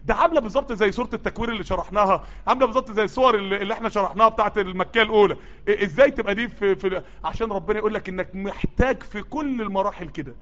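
A man's voice: high voice, rapid-fire, fairly bright tone. A man preaching a sermon in an Egyptian Arabic accent, sweaty and worked up, urging his listeners on with repeated, building calls. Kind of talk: sermon to a live group. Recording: dull lo-fi recording.

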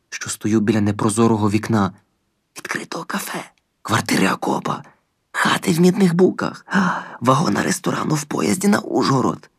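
A man's voice: fairly low pitch, breathy edge. A man narrating a novel in the first person, in short clipped phrases, with bursts of crude swearing. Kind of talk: audiobook reading of a novel.

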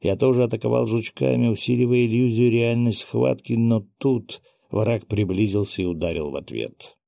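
A man narrating a first-person audiobook in a steady, even reading. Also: mid-range voice, moderate pace, creaky, no echo, studio quality.

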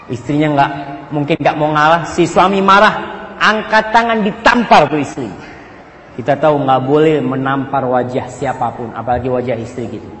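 A man preaching a sermon, telling a story and acting out its dialogue, dropping between loud and soft passages, mixed in. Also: fairly high pitch, moderate pace, slight background noise. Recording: roomy hall with long reverb, faint ambience.

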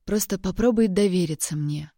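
A rough, blunt young man begs his girlfriend to trust him, as a woman reader voices him. Her voice is low and mellow, recorded dry and close. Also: moderate pace, no room sound, lightly acted. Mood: pleading. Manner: blunt, pleading. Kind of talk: audiobook reading.

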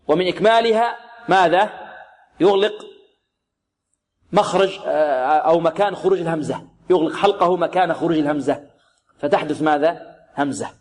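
A man teaching the rules of Quran recitation in a lesson, asking rhetorical questions, answering them himself, and slowly repeating words to show how they should sound. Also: fairly high pitch. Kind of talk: tajweed lesson, explaining and demonstrating recitation. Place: religious radio program recording.

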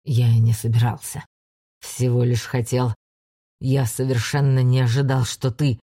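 A woman's voice: extremely low pitch, level tone, a little slow, dark tone, dry recording, clean studio sound, pitched below the performer's own voice. Woman doing a hissing, sneering demon guardian. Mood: puzzled. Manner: hissing, contemptuous, mocking. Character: sneering male demonic guardian, arrogant, menacing.

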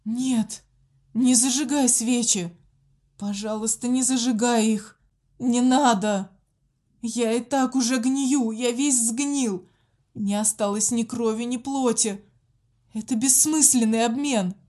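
A woman's voice: a little high, slow, dark tone, pitched above the performer's own voice. A woman voicing a cursed, skeletal boy prisoner with a quavering, desperate voice. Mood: pleading. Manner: desperate, pleading.

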